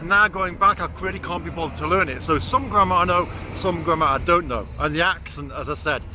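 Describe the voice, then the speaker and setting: A man of forty vlogs outdoors while walking city streets, speaking briskly in a voice that's a little high. He's casual, blunt, and self-deprecating with easy swearing, and his R is weak, neither rolled nor clearly pronounced. Traffic and city noise accompany him.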